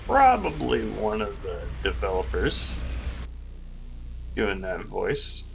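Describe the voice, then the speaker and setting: A man's voice: lowish voice, sing-song, slow pace, rough recording. A man giving casual, wry, explanatory commentary while playing a video game. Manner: wry, explanatory, lightly joking. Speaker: gamer host. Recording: clear game noise behind. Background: video game sound effects, vehicle noise.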